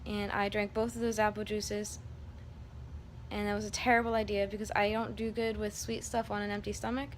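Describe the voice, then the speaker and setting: A woman speaks in a rambling, candid vlog style. Her mid-pitched voice moves within a narrow, even range. Faint background noise sits behind her casual telling. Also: a little fast. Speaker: vlogger. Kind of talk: casual personal vlog, recounting her surgery.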